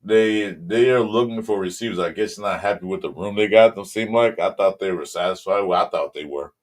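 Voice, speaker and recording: A man with a Southern California accent hosting a casual sports podcast, rambling loosely with lots of ums and shout-outs to viewers. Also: low voice, fairly quick. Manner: loose, rambling delivery with many ums, greets viewers mid-talk. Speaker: podcast host.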